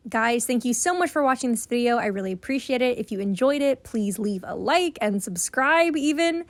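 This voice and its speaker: A woman's voice: on the high side, lively intonation, normal speed. A woman narrating a scripted video essay in an earnest, explanatory way.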